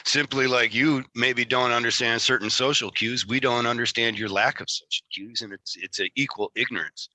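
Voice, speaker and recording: A man's voice: mid-range voice, fairly even intonation, moderate pace, hardly any pauses, bright, forceful tone, no room sound, low-quality recording. A man with a Michigan Great Lakes accent hosting a casual interview in a rambling, self-deprecating way. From Michigan, United States. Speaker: interview host.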